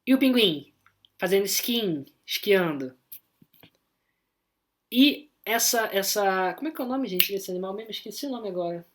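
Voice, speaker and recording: A woman with a Brazilian Portuguese accent, explaining an online English lesson in a chatty way and tagging her sentences with quick checks to the class. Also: mid-range voice, expressive, slight background noise. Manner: chatty, explanatory, constant "né?" and "tá?" tags. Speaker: English teacher.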